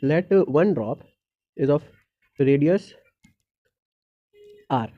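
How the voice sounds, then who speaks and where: Man, fairly high voice, tutor working through problems, thinking out loud, halting step-by-step delivery, muffled lo-fi mic. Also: animated. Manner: halting, with pauses and self-corrections. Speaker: tutor solving exam practice problems. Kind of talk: unscripted problem-solving lesson. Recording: dull lo-fi microphone.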